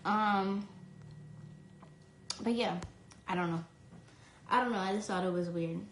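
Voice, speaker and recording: The young New Yorker, mid-range in voice and a little slow, reads fan questions aloud during a casual phone livestream and answers chattily, leaning on "um" and "like." Reverb and slight background noise color the sound.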